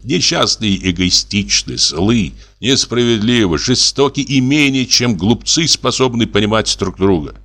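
A male audiobook narrator reading literary prose. His reading is measured and deliberate. His voice sits fairly low. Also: lively intonation, bright, forceful tone.

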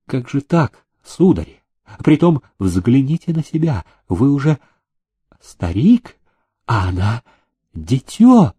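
A man voicing a humble, cautious old widowed father, speaking deferentially and slowly, in a storybook reading. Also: medium pitch, sing-song, warm tone, breathy edge, heavily acted. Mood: flustered. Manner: deferential, slow and careful.

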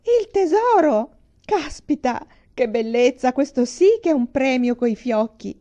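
A woman's voice: lively intonation, a little slow, dark tone, lo-fi sound. A woman voicing an overjoyed, breathless lady in a raincoat who cries out in delight, read aloud in a story. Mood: ecstatic. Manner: ecstatic, high exclamations.

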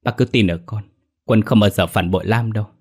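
A man voicing a kind young man who talks in a calm, reassuring way. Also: lowish voice, a little fast, slightly rough.

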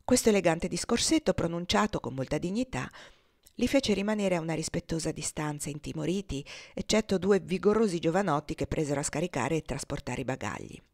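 Low-voiced woman reading a novel. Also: no echo, clean studio sound. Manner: measured, steady storytelling. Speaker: audiobook reader. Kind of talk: literary audiobook narration.

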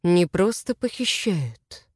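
A woman's voice: lowish voice, big pitch swings, slow pace, darkish tone, breathy edge, dry recording, clean studio sound, heavily acted. A woman voicing the young son of a demon lord, cold and commanding, in an audiobook reading. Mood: stern. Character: young male demon lord's son, stern, proud.

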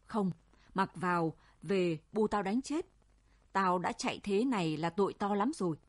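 A woman's voice: medium pitch, lively intonation, moderate pace, no room sound, close to an everyday voice. Woman voicing a scared young village man. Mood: fearful. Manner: fearful blunt refusals. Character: frightened twenty-year-old village man, timid.

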